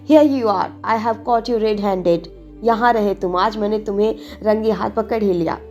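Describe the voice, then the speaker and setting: Woman audiobook narrator, mid-pitched, even literary read, faint music under. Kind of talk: scripted narration.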